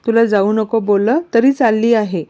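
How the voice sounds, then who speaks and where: A woman's voice: on the high side, normal speed, close to an everyday voice. A woman voicing a teasing, stubborn young husband in a narrated story. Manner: teasing, calm. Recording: dull lo-fi recording.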